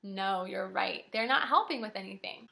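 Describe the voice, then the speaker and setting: In a small room at home, a young kindergarten teacher reads to children and quizzes them in a warm, clearly enunciated way. She speaks at medium pitch and a moderate pace, her tone gravelly and sharp, and the home video sounds roomy and echoey.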